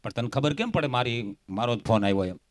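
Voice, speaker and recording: A man telling jokes and stories on stage in an animated way, quoting his characters and landing punchlines. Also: medium pitch, brisk. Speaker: folk comedian and storyteller. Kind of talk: dayro stage comedy storytelling.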